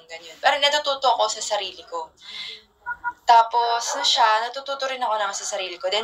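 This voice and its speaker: A young woman casually chatting on a livestream from her phone, telling rambling stories with soft trailing asides. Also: fairly high pitch, low-quality recording.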